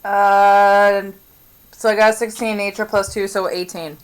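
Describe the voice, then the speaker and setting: A woman's voice: mid-range voice, level tone, unhurried, smooth, low-quality recording. A woman playing a tabletop game, asking polite questions and reading out her rolls. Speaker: player. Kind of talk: casual tabletop game play.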